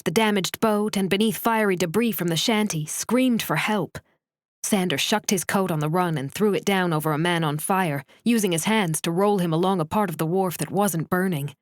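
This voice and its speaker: A woman's voice: fairly low pitch, no echo. Woman reading a novel, dry and close. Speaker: audiobook narrator. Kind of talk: scripted novel narration.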